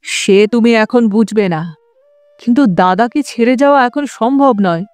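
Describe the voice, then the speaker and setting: A woman's voice: a little high, moderate pace, darkish tone, smooth, no room sound, faint music behind, natural voice. A woman voicing a sardonic young married man in an audiobook, cool and mocking. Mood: dry mocking. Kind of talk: audiobook character voice.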